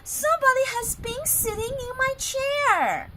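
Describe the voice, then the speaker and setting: A woman's voice: extremely high pitch, very animated, a little slow, bright, forceful tone, slight background noise, voice pushed up, heavily acted. A woman voicing a grown female bear in a storybook, speaking in her medium-sized voice. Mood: indignant.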